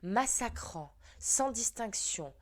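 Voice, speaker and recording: A woman's voice: a little high, animated, takes it slowly, voice pushed up. A woman reading aloud and voicing a strict, exasperated female schoolteacher who scolds in clipped phrases. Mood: grave.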